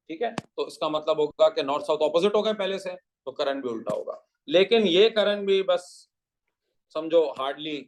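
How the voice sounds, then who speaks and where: A man's voice: a little high, poor audio. A male teacher giving a classroom physics lecture, explaining patiently, asking rhetorical questions and mixing Hindi with English terms.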